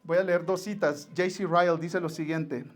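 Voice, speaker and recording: Pleading Mexican pastor, high-voiced man. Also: fairly even intonation, normal speed. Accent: Mexican Spanish. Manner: pleading, swings from hushed to forceful. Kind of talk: sermon. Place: church.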